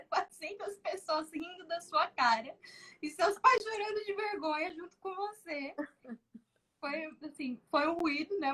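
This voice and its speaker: A woman, a journalist guest telling stories in casual chat, animated and laughing often. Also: high voice, a little hiss or hum, low-quality recording. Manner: animated, acts out quoted voices, laughs often.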